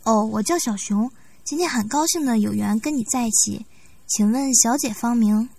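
A woman voicing a calm young male student telling his story plainly. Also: fairly high pitch, moderate pace, vocal fry.

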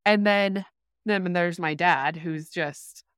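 A woman's voice: on the low side, slow, a bit bright, clear, resonant tone, no echo, clean studio sound. A woman who is a podcast guest tells a candid story in conversation. She speaks animatedly, uses a lot of "like" fillers and acts out quotes. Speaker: podcast guest, rural entrepreneur.

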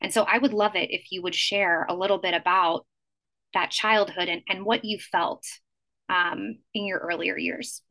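A woman's voice: on the low side, steady tone, normal speed, vocal fry, bright, forceful tone. A woman hosting a podcast, speaking earnestly about her work in a casual way with frequent fillers. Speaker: podcast host. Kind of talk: casual chat.

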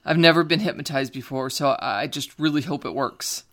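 An actress playing a nervous young woman about to be hypnotized, speaking haltingly with stammers. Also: low voice, lightly acted.

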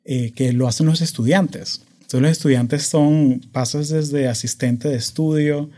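A Venezuelan podcast host in his thirties leads a relaxed conversation, his dark, mellow voice sitting a little high and unhurried, yet his delivery is energetic and hyperkinetic. English terms slip into his Spanish, and he's recorded close on a studio microphone.

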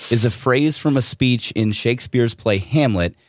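A man's voice: medium pitch, normal speed, dry recording, clean studio sound. A man in his thirties hosting a casual podcast in a jokey, upbeat way. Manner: jokey and upbeat, with "y'all" and "dude". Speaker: podcast host.

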